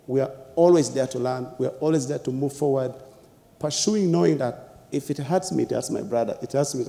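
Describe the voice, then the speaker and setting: A young man delivers an impassioned panel talk, piling up repeated phrases for emphasis. His voice is dark and gravelly, with a long hall reverb around it. He speaks through a lapel mic in a lecture hall. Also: medium pitch, fairly quick. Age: young adult. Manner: emphatic, repetitive rhetorical phrasing with gestures.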